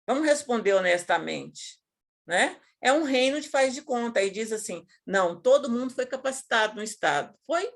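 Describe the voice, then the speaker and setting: A woman educator talking casually to teachers over a video call, lively and colloquial, acting out the scenes she tells. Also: fairly high pitch, normal speed, creaky. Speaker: educator giving a talk.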